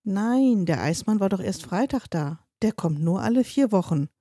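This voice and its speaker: A woman's voice: medium pitch, lively intonation, moderate pace, dark tone, dry recording, clean studio sound. A woman reading a story aloud, voicing a grumpy, sarcastic middle-aged father who snaps at his family. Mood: patient. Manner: gruff and snappish.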